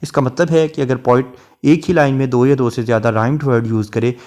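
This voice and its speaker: Measured male lecturer explaining poetry. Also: medium pitch, fairly even intonation, a little mellow. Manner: reads English verse lines slowly, then explains in Urdu-flavoured Hindi. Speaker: literature lecturer.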